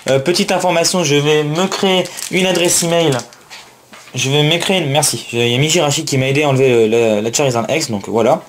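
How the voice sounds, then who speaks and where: Excitable man unboxing cards. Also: a little high, fairly quick, a little hiss or hum. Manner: enthusiastic, repetitive exclamations and many fillers. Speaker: YouTuber opening trading card packs. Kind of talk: casual card unboxing commentary.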